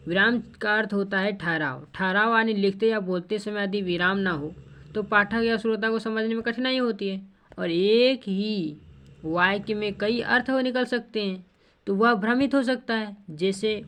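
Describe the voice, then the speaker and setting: A woman teacher explaining grammar in a lesson. She keeps asking the class for a nod and drops in fillers, and she slows right down to read example sentences. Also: medium pitch, a bit bright. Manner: repetitive, checks in with "है ना" and filler "जो है"; reads example sentences slowly and deliberately.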